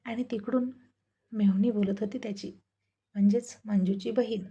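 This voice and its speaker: A woman's voice: medium pitch, fairly even intonation, normal speed, warm tone, slightly rough, lo-fi sound. A woman narrating a family story in a chatty way with mocking asides.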